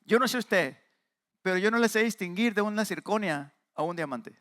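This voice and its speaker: A man with a Mexican Spanish accent, preaching a sermon and speaking straight to the congregation, emphatic with quieter asides. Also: high-pitched, expressive, normal speed, no room sound, clean studio sound. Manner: addresses the congregation directly. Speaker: pastor.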